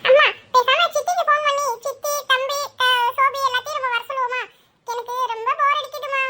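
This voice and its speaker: A woman's voice: very high-pitched, steady tone, a little fast, bright, forceful tone. A woman voicing a chatty, affectionate young daughter in a cartoon.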